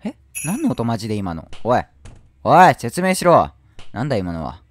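A hoarse man doing loud, rowdy horror game commentary, shouting insults at the game. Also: mid-range voice, very animated, moderate pace, no echo. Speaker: game streamer.

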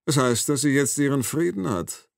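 A man's voice: medium pitch, lively intonation, normal speed, creaky, dry recording, studio quality, pitched above the performer's own voice. A man reading an audiobook, voicing a cold, mocking male killer who taunts his captive with sarcasm.

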